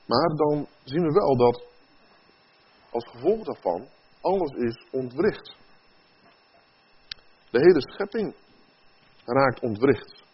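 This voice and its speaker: A man's voice: medium pitch, expressive, slow, pauses often, husky. A man preaching a sermon in an earnest way, his voice rising into emphatic questions. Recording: dull lo-fi recording.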